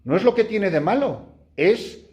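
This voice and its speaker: A middle-aged man with a Spanish accent, preaching a retreat meditation to nuns. His voice sits fairly high and swoops wildly, leaping up as he acts out his own story before dropping low and quiet. He talks like an animated storyteller. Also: measured pace. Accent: Spain Spanish. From Spain. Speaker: priest giving a retreat meditation. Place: room with a small group of nuns.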